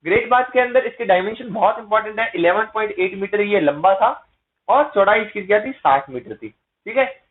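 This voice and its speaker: A man delivers an exam-prep lecture in a high voice with lively intonation, speaking fairly quickly. He keeps asking rhetorical questions, checks in with listeners using "है ना" tags, and mixes English terms into his explanations. The sound is tinny, like a phone.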